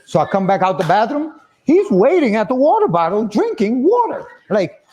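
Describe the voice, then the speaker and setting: A young man telling a story casually on a livestream, animated and laughing as he acts out the voices of the people in it. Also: high voice, brisk.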